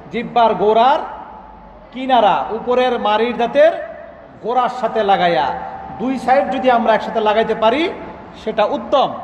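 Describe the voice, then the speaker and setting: A man's voice: sits high, darkish tone, highs cut off. A male Quran teacher from Bangladesh drilling letter sounds with children in a classroom, calling for repetition. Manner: drills syllables slowly, calls for repetition. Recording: echoey hall, children and noise behind.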